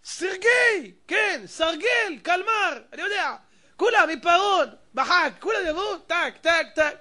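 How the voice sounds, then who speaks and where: A man voicing a stern king who briskly calls out orders in a told parable. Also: extremely high pitch, animated, bright, forceful tone, pitched above the performer's own voice, heavily acted. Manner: barking, brisk.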